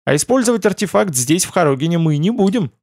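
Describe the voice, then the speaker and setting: A man's voice: sits high, expressive, quick pace, darkish tone, no echo, clean studio sound, voice pushed up. A man reading as a wry young man. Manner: joking, mildly sarcastic.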